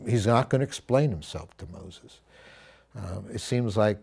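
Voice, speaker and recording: Middle-aged male pastor, low mellow voice, reflective conversational teaching. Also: measured pace, gravelly, husky. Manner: earnest, reflective, with self-corrections and asides. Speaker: pastor teaching a Bible study.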